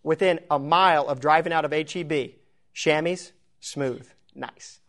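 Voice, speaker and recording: A man preaching a sermon, telling a comic story in a lively, self-mocking way. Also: on the high side, measured pace.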